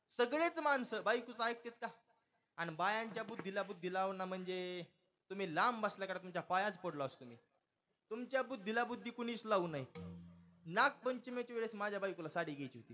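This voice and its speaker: A man's voice: sits high, sharp tone. A young man preaching a humorous kirtan sermon, joking and asking the audience questions. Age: young adult.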